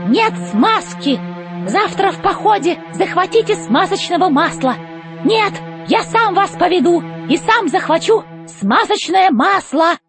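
A woman voicing a rusty, creaky male robot chief who barks orders in a squeaky voice. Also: animated, measured pace, music in the background. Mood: pompous commanding.

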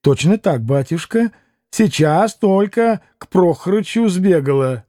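A man's voice: high-pitched, expressive, a little slow, warm tone, dry recording, studio quality. A man putting on a querulous old servant woman. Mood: grumbling. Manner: querulous, folksy address.

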